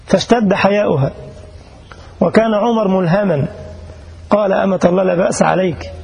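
A man's voice: sits high, a little fast, creaky, darkish tone, breathy edge. A man preaching in Egyptian Arabic, telling the story with dramatic passion and colloquial asides. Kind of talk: sermon storytelling.

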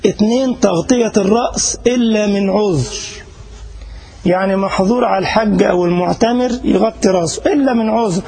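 A man's voice: high voice, fairly quick, creaky, warm tone, poor audio. A man with an Egyptian accent who is a sheikh giving a casual religious lesson to a live audience in Germany. He chats, jokes and keeps asking his listeners whether they follow. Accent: Egyptian Arabic. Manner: chatty and joking, addresses listeners directly, asks checking questions. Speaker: sheikh teaching a religious class. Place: class in front of an audience in Germany.

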